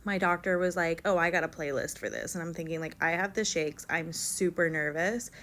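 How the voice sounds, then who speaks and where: A young woman casually telling a story to camera, animated and full of likes, acting out what others said. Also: lowish voice, a little fast, a little hiss or hum. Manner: animated, quotes others in livelier voices, many likes. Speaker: vlogger telling her birth story.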